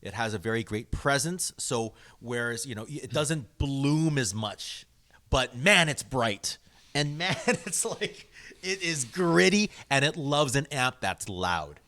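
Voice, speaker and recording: A man's voice: mid-range voice, lively intonation, slow, pushed and bright. A man hosting a podcast, chatting with enthusiasm about guitar effects and laughing often. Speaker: podcast host. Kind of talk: casual gear chat.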